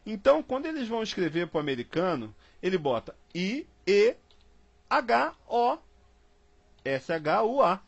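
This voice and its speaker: A man from Brazil gives a casual Bible study lesson at an unhurried pace, repeating himself and spelling words out letter by letter. His voice is fairly high and swings up and down a lot. The sound is dull and lo-fi, as if over an online call. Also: very animated, vocal fry.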